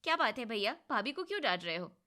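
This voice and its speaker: A woman voices a cheeky, bubbly young sister-in-law in a storybook drama, her voice bright and slightly high. The character is loud, playful and a touch bossy, and she talks fast in a very animated way.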